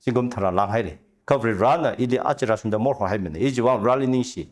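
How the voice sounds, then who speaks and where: A man speaking at length as a talk show guest, giving long animated explanations with rising emphasis. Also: mid-range voice, rapid-fire. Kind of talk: conversational discussion.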